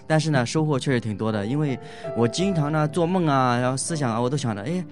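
A man at a middle pitch tells his own marriage story in a loose, halting way, full of fillers and restarts. He laughs often along the way. Faint music plays softly behind him. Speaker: husband giving a couple's testimony. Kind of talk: casual spoken testimony.

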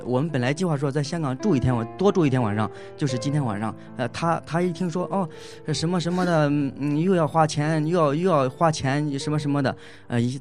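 A man's voice: medium pitch, a little mellow. A man giving a casual spoken testimony about his marriage as a husband. He hesitates, restarts and fills gaps as he talks, and he laughs often. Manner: halting, full of fillers and restarts, laughs often.

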